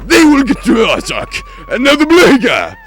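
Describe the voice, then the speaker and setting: Taunting game ghosts, hoarse and mocking, put on by a sick man, high and loud. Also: wildly swooping pitch, normal speed, exaggerated voice. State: hoarse from illness. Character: taunting spooky ghost gang.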